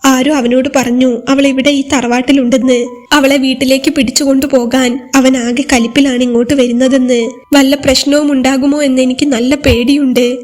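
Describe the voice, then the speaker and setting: Woman reading as a panicky older man, out of breath, urgent, raised pitch, storybook. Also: flat delivery, normal speed, darkish tone, natural voice. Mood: alarmed. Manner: breathless, alarmed.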